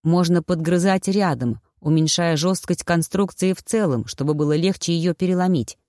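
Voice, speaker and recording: An audiobook narrator reading a fantasy story in a steady, even storytelling manner. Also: medium pitch, moderate pace, no room sound, clean studio sound. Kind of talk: scripted narration.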